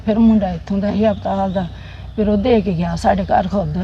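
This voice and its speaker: A middle-aged woman with a Punjabi accent from the Jammu region, a soldier's widow recounting memories in a plain, halting way with repeated phrases. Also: medium pitch, fairly even intonation, highs cut off, slight background noise.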